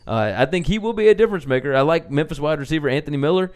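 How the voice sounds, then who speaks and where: A man's voice: on the high side, expressive, very fast, clean tone. A man co-hosting a podcast in casual sports chat, running through records, odds and team notes. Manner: runs through stats and team notes, lots of "uh" fillers. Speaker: podcast co-host.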